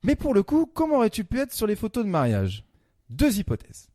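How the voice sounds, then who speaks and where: A man's voice: sits high, huge pitch swings, brisk, mellow, dry recording, clean studio sound. A man presenting a scripted comic music column as a mock-detective story, with punchy asides.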